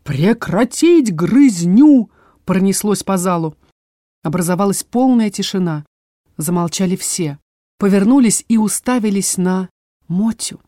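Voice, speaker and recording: A woman's voice: medium pitch, moderate pace, dry recording, studio quality. Woman narrating an audiobook. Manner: expressive reading, voicing many characters.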